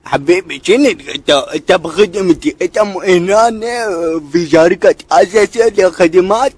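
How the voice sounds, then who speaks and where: Man, Iraqi accent, drunk muddled rambling, argumentative caller, higher than average pitch, dry sound. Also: moderate pace, husky, no echo. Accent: Iraqi Arabic. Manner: argumentative, stubborn. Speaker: phone caller. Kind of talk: casual phone complaint.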